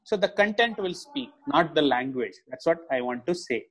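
A man's voice: fairly high pitch, expressive, normal speed, fairly bright tone, husky. A man with a Marathi Indian English accent, arguing a point in a casual debate and often checking with tag questions. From Maharashtra, India.

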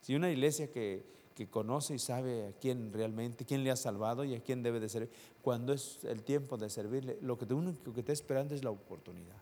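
A man's voice: medium pitch, fairly quick. Man preaching in a reverberant church. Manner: rhetorical questions to the congregation, swings loud and soft. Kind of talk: sermon. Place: church hall. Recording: long hall reverb.

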